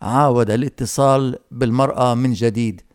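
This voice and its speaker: A man presenting a scripted radio Bible study, telling a story in a measured, formal way. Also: medium pitch, fairly even intonation, a little mellow, clean tone, dry recording, studio quality.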